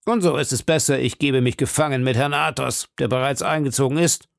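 A man's voice: medium pitch, a little fast, vocal fry, no echo, studio quality, close to an everyday voice. A man reading an audiobook, voicing a proud, defiant captain of musketeers who declaims boldly and insistently. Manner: bold, insistent, raised declaiming voice. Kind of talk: audiobook character voice.

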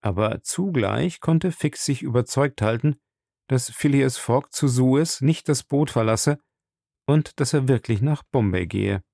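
A man reading a classic adventure novel aloud as narrator, in measured storytelling. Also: mid-range voice, lively intonation, creaky, mellow, no room sound, studio quality. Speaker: audiobook narrator. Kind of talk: scripted narration.

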